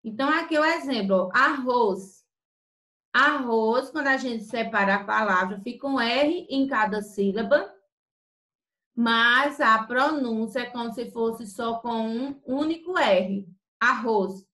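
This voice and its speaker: Bright-voiced woman teacher, echoey room. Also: on the high side. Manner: slow, spells out sounds, then quick explanations. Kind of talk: recorded grammar lesson.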